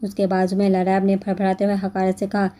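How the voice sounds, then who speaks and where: A woman gives a scripted narration of a romance novel in a steady, measured manner. Her voice is very dark and mellow, and it stays flat with little rise and fall. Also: mid-range voice.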